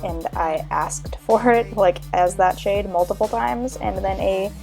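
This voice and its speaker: A young woman talks through her makeup routine in a medium-pitched voice with music playing underneath. She sounds a bit tired and hungover. Her delivery is casual and chatty, with wry jokes at her own expense. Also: measured pace, vocal fry, darkish tone. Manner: self-deprecating, wry, chatty. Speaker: makeup vlogger. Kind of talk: casual voice-over makeup tutorial. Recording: background music under voice-over.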